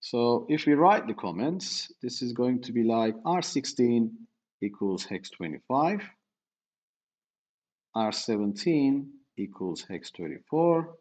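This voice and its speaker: A man in middle age delivers a university lecture at an unhurried pace, his pitch rising and falling in a lively way. He explains each step carefully, with pauses, fillers and quick self-corrections.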